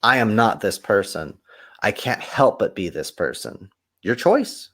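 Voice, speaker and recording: A man, a podcast guest, telling stories animatedly in conversation and acting out quoted voices with big swings in pitch. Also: sing-song, unhurried, fairly bright tone. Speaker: podcast guest, kung fu teacher.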